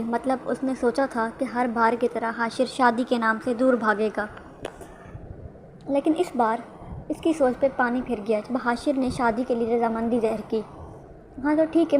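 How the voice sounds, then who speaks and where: A woman's voice: a little high, a little hiss or hum. Woman reading a romance novel aloud. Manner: steady, occasional self-corrections. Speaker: novel reader.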